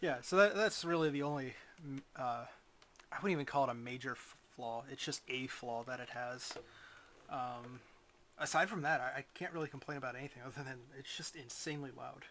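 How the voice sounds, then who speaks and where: A man talks through a gadget in a casual, unscripted review. His delivery is hesitant and rambling, broken by frequent pauses, at a medium pitch. Faint noise and clicks sit behind his voice. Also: pushed and bright.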